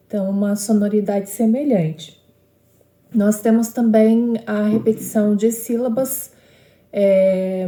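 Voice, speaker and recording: A woman's voice: medium pitch, dark tone, reverberant. A woman teaching a lesson on poetic meter, explaining step by step and often checking in with short tag questions.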